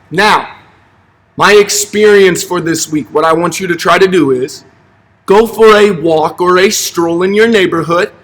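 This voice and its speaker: A man's voice: sits high, fairly bright tone. A young man, a gym teacher, giving children upbeat, encouraging exercise instructions in short simple directions. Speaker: elementary physical education teacher. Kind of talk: instructional fitness demonstration for children. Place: large empty indoor school gymnasium. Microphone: camera a few steps away. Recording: echoey gym, distant camera mic.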